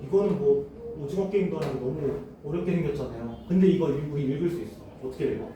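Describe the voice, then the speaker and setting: Heard from a distance in an echoey room, a man gives a classroom lecture, frequently questioning his students and answering for them. He speaks fast, with a fairly high pitch and a dark tone.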